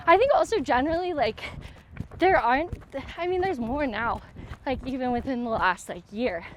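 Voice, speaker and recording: A woman's voice: high voice, expressive, moderate pace, slight background noise. A woman talking casually while running outdoors, in an informal, hesitant way full of fillers. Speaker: athlete and vlog host. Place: outdoors, on a run.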